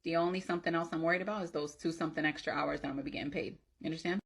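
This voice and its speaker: A woman's voice: sits low, steady tone, very fast, vocal fry, husky, full character voice. A woman playing an assertive, sardonic office employee in a workplace comedy skit, speaking firmly, bluntly and with sarcasm. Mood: sardonic, defiant. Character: assertive, sardonic female office employee who refuses unpaid work.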